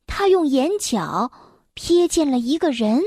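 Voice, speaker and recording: A young woman reading a children's story aloud, gentle and expressive, speaking directly to the children. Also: high voice, unhurried, dry recording, studio quality.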